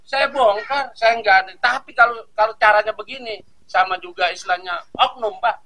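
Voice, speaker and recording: A man argues his case outdoors, emphatic and indignant, repeating himself to press the point. His voice sits high for a man and sounds very bright and cutting. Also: brisk, low-quality recording. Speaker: local resident protesting a demolition. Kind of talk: heated street complaint to officials. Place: outdoors at a riverside settlement.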